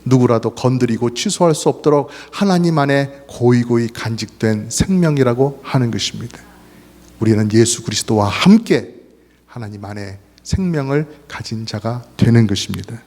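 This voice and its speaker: A man's voice: medium pitch, moderate pace, darkish tone. A man preaching a sermon as a pastor, earnest, with swells of emphasis. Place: church sanctuary. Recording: long hall reverb.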